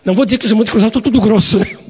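A man's voice: sits high, very fast, darkish tone, slightly rough, big-room sound. A male pastor, preaching a sermon in a folksy storytelling way and often addressing the congregation as dear ones.

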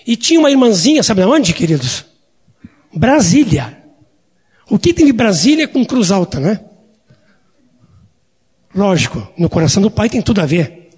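A man's voice: high-pitched, sing-song, moderate pace, pauses often, a little mellow, breathy edge, in a large hall. A male pastor, preaching a sermon in a folksy storytelling way and often addressing the congregation as dear ones.

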